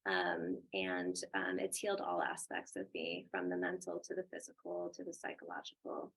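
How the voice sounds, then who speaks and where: A woman's voice: extremely low pitch, big pitch swings, moderate pace, vocal fry, breathy edge, rough recording. A woman from Germany presenting informally and upbeat as a yoga teacher and webinar host. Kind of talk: casual presenting and personal storytelling.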